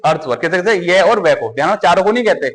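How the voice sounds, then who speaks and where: High-voiced male teacher in echoey room. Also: lively intonation, racing. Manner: repetitive, drills sounds aloud, asks questions of students. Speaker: Hindi grammar teacher. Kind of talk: exam-prep classroom lesson.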